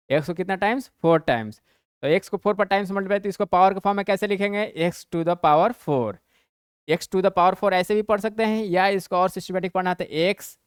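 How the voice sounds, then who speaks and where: A man teaching a math lesson, stretching out English math terms slowly and checking in often with a quick "okay?". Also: a little high, clean tone, no echo, studio quality.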